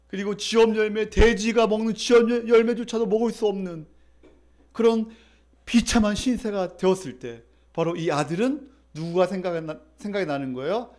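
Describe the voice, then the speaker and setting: A man's voice: high-pitched, darkish tone. A man preaching as a pastor, leading the congregation through reading and repeating scripture. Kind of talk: sermon.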